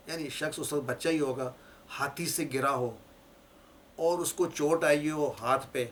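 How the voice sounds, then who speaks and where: A man lectures to a class, explaining ideas step by step and circling back to repeat the key words. His voice sits a little high for a man. A faint hiss runs under the recording. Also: fairly bright tone. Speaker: teacher.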